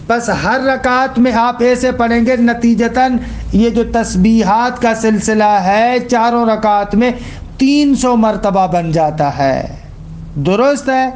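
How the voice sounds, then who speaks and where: High-voiced man teaching religious law. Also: a little mellow, slight background noise. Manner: explains step by step, checks understanding with questions; recites quoted text slowly and deliberately.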